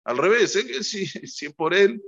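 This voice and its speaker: A man's voice: high voice, lively intonation, moderate pace, vocal fry, a bit bright. A man giving a religious talk as a rabbi, earnest and instructive, telling stories and repeating phrases for emphasis. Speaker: rabbi teaching a class. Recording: dull lo-fi recording.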